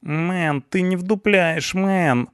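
A man reading an audiobook, voicing a young punk who talks in street slang and pleads excitedly. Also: high voice, very slow, smooth, dry recording, studio quality, pitched above the performer's own voice. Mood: pleading excited.

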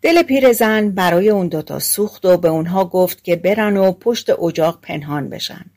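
A woman narrating a fairy-tale audiobook in a steady storytelling manner. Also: on the low side.

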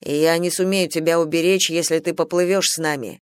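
A man's voice: a little high, steady tone, brisk, clean tone, no room sound, lightly acted. An audiobook narrator voicing a firm, exasperated young male general.

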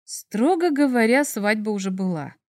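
Woman doing a soft-voiced dragon emperor. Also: fairly high pitch, lively intonation, moderate pace, dry recording, clean studio sound, close to an everyday voice. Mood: tender. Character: male dragon emperor, teasing, tender, smug. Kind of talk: audiobook character voice.

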